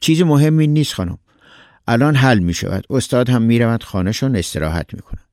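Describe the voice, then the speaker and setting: A man's voice: fairly low pitch, animated, gravelly, a little mellow, dry recording, studio quality. A man voicing a polite, fussing middle-aged male neighbor in a read-aloud story. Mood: placating. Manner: courteous, fussing, quick to reassure.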